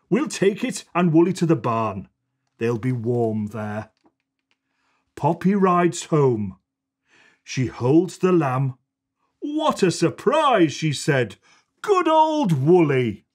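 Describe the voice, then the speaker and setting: Casting: performer as kindly old Father Christmas, children's storybook reader. Slow delivery, very animated melody, husky tone. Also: exaggerated voice. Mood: lively storytelling. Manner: animated, deliberate storytelling with big pitch swoops. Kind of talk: scripted children's storybook reading.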